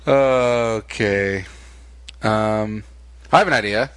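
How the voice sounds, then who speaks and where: A man co-hosting a casual late-night podcast chat, teasing his partner with deadpan jokes. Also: lowish voice, very slow, slight background noise. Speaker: podcast co-host.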